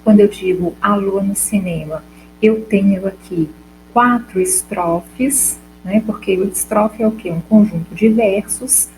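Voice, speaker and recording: A woman's voice: mid-range voice, unhurried, a little mellow, faint music behind, low-quality recording. A Brazilian Portuguese-speaking woman teacher giving a recorded class lesson, explaining step by step and asking the class questions she then answers herself. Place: classroom or home for a school video lesson.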